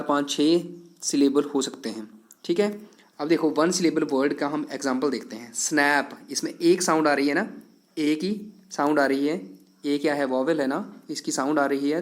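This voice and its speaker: A man teaching an online English lesson, explaining step by step in an earnest, patient way and often checking that it is clear. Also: on the high side.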